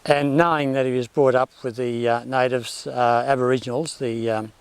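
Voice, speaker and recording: An older man with an Australian accent reminisces about bush life in a laconic, halting outback drawl, telling it unscripted like a yarn. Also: medium pitch, fairly even intonation, clear, resonant tone, no room sound. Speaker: former outback station worker telling bush yarns.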